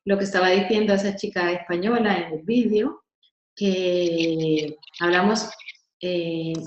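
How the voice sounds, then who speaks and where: A woman moderates a webinar and chats about her own experiences, filling pauses and repeating words. Her voice sits a little low. The sound is dull and echoey over a computer mic. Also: fairly even intonation. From Honduras. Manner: chatty, with frequent fillers and repeated words.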